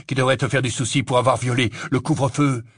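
A man voicing an officious, threatening male dark-wizard guard. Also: mid-range voice, steady tone, fast, husky, no room sound, clean studio sound, close to an everyday voice.

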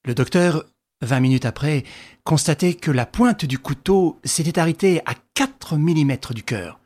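A male audiobook narrator with a fairly high, very animated voice and a husky grain. He reads in a dramatic, expressive way over faint background music. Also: a little slow. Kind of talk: scripted narration.

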